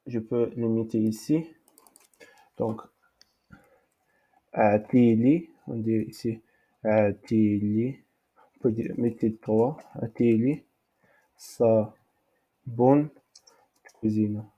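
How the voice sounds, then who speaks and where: A man giving a language lesson in French, slowly repeating words, with many fillers and pauses. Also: medium pitch, dark tone, breathy edge. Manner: halting, many fillers and repetitions. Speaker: language teacher.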